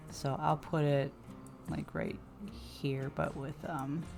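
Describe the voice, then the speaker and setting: A woman at a tabletop game who thinks aloud in a chatty, casual way. Her voice is very low and carries a steady gravelly fry. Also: takes it slowly, over music. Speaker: player.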